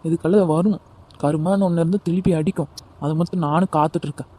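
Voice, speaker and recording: A man voicing a sharp-tongued young daughter-in-law in an amateur cartoon, speaking scornfully and defensively. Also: a little high, steady tone, quick pace, breathy edge.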